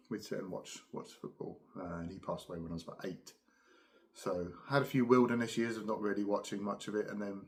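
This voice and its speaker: A middle-aged man with a southern English accent, chatting casually and unhurriedly to camera, musing with pauses between puffs on a pipe. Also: low-pitched. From Cambridge, England. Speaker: pipe-smoking video host. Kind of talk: casual rambling solo chat.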